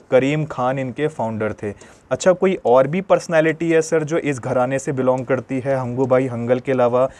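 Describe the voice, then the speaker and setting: A man's voice: mid-range voice, a little mellow. A male teacher giving an exam-prep lesson. He quizzes his pupils, answers his own questions and repeats memory tricks, calling them "dear children". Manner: calls listeners "dear children".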